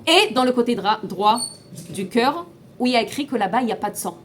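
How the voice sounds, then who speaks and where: A woman's voice: fairly high pitch, lively intonation, fairly quick, a little hiss or hum. A woman teaching an informal class, explaining step by step, asking her students questions and often restarting and repeating words. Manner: mixes in Hebrew terms.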